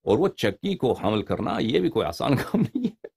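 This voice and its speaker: A man's voice: mid-range voice, sing-song, creaky, darkish tone, breathy edge. A man giving an informal religious lecture, explaining Arabic hadith and asking rhetorical questions. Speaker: religious preacher.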